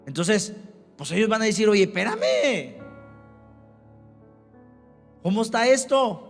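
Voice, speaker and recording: Pastor guy preaching high and emphatic, keeps calling out to the congregation, long church echo, soft music under it. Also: wildly swooping pitch, takes it slowly. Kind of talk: sermon.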